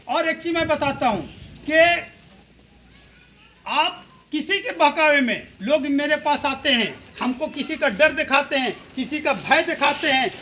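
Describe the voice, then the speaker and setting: A man's voice: very high voice, pushed and bright, slight background noise, poor audio. A man giving a public speech to a village gathering, exhorting the crowd with rhetorical questions and repeated lists. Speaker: speaker at a community blanket distribution event.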